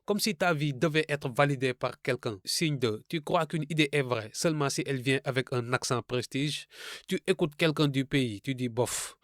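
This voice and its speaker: A man from francophone Africa delivers a scripted commentary in a medium-pitched voice. His manner is didactic and rhetorical, and he addresses the listener directly. The sound is dry and close, with no room around it. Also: normal speed, a bit bright, no room sound. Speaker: video essayist.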